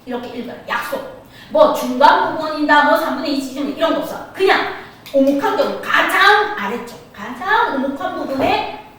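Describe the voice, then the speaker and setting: A woman's voice: sits high, lively intonation, normal speed, fairly bright tone. A woman teaching a middle school science class, repeating key points and prompting students with singsong questions. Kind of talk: classroom lecture. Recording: echoey room, distant mic, noisy.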